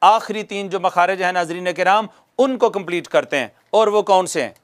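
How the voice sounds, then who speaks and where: A man teaching Quran recitation in a recorded lecture, asking himself questions and answering them, repeating letter sounds slowly to demonstrate them. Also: sits high. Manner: drills by repeating and answering his own questions.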